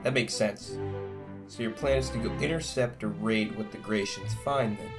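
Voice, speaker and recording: A man with a lowish voice at normal speed, close to how he'd normally talk, plays an adventurous, earnest young spaceship crewman in a science fiction audio drama. The character is a persuasive, earnest talker with a haunted past, speaking casually over music running beneath the dialogue.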